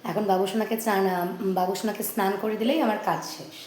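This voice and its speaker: Hoarse woman, casual home vlog chat, echoey room, faint background hiss. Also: medium pitch, steady tone, quick pace, a little mellow. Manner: chatty, breaks off to soothe her baby. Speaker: vlogger.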